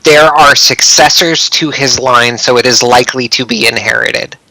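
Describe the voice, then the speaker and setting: A man narrating as dungeon master in a tabletop game, talking in a relaxed, conversational way with fillers. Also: mid-range voice, moderate pace, dry recording, rough recording.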